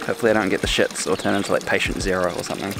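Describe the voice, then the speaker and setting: A man's voice: deep voice, fairly even intonation, racing, vocal fry, very noisy. A young man with a New Zealand accent chatting casually to camera outdoors while bicycle touring, rambling and joking at his own expense. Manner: rambling, easygoing, self-deprecating. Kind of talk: casual vlog chat to camera. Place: outdoors in a forest campsite and on the road. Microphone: on-camera shotgun mic. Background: background music.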